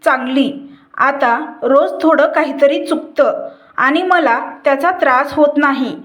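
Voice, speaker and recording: A woman voicing a tired, thoughtful middle-class wife who speaks softly and turns her questions inward. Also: high voice, slow pace. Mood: calm.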